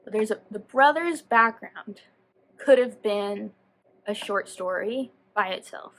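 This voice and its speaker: A woman vlogger gives a casual, chatty book review, animated and full of slang, often rambling and cutting herself off. Her voice sits at a medium pitch and she speaks slowly.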